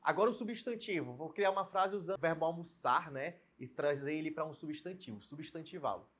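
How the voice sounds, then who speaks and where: Husky Brazilian male teacher. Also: on the high side, fairly bright tone. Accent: Brazilian Portuguese. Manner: explains slowly, repeats key points, asks learners questions. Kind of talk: video grammar lesson.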